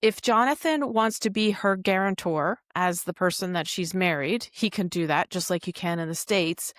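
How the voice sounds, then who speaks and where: Recorded dry at studio quality, her voice is on the low side. She's co-hosting a podcast, chatting casually in a recap and detailing what she looked into.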